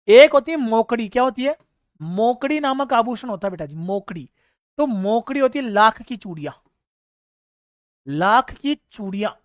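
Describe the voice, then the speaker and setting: A man's voice: extremely high pitch, dry recording, clean studio sound. A man teaching a live exam-prep class online, quizzing students, reading out their names and praising them, with funny stories mixed in. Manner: storytelling with humor.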